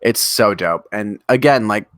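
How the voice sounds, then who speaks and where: A man's voice: lowish voice, unhurried, a bit bright, dry recording, clean studio sound. A man co-hosting a casual music chat show, talking with rambling enthusiasm and casual swearing. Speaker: podcast co-host.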